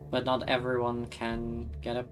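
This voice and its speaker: A man's voice: medium pitch, monotone, normal speed, music in the background. A man casually chatting with a friend while playing a co-op game, swearing offhandedly and explaining mechanics. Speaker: co-op streamer.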